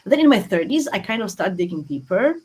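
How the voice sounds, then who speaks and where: A Croatian-accented woman in her forties, a guest astrologer, tells a personal story during a casual interview, often repeating words and restarting. She speaks fast at a medium pitch with big swings, in a darkish, husky tone, heard through a phone app on a video call.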